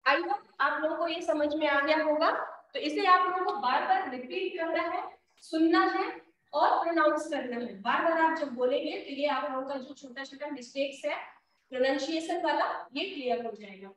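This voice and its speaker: A young Indian woman teaching an English lesson to children, explaining slowly in a mix of Hindi and English. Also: high-pitched, a bit bright. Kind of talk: online class lesson. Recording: echoey, distant from the mic.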